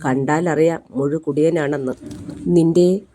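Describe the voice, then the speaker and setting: A woman's voice: low voice, steady tone, unhurried, warm tone, a little hiss or hum. A woman voicing a blunt middle-aged male doctor who talks in a matter-of-fact way.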